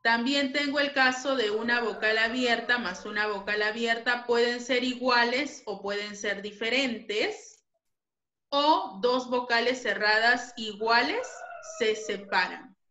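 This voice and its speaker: Slow, bright-voiced woman teaching grammar. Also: a little high. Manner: patient, repeats points for pupils. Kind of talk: online grammar lesson. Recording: echoey room.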